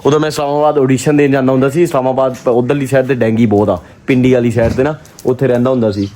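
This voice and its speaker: A man with a Pakistani Punjabi accent chatting casually to his vlog viewers, expressive and often repeating himself. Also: medium pitch, racing. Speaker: vlogger.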